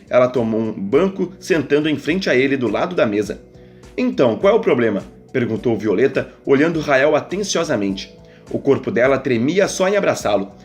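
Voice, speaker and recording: A man narrating a web novel aloud in an expressive storytelling manner. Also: on the high side.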